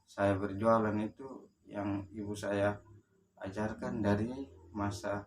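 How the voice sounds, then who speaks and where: A man from Sumba in eastern Indonesia tells his own life story, speaking haltingly with frequent pauses and restarts. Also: fairly low pitch, flat delivery, recorded from a distance, slight background noise. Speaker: motivational speaker. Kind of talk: personal life story told to camera.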